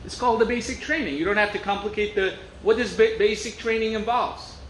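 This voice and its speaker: Fairly quick now, this pastor from Turkey keeps his sermon conversational, telling stories and throwing out rhetorical questions in a high, slightly bright voice. Echo and faint noise fill the room.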